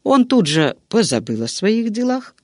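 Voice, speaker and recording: A man voicing a long-winded old female servant who tells everything slowly and in order. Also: high-pitched, big pitch swings, no room sound, clean studio sound, voice pushed up. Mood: garrulous. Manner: rambling, drawn-out storytelling.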